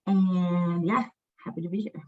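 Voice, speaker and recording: A woman's voice: fairly low pitch, fairly even intonation, unhurried, faint music behind. A young woman in her twenties, a panelist talking in a chatty, casual way with lots of "like". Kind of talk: casual chat. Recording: dull lo-fi audio.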